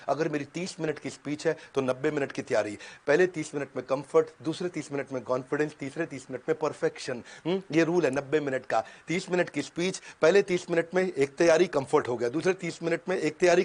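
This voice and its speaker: Man, high voice, motivational seminar, punchy bursts, dramatic pauses, English catchphrases. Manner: energetic, rapid punchy bursts with sudden pauses; mixes English catchphrases into Hindi. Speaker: business coach.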